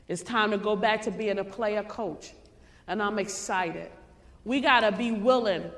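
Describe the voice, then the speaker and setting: A woman from Maryland giving a fervent motivational stage speech, preachy and rising to shouts. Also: mid-range voice. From Maryland, USA. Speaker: motivational speaker. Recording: hall reverb.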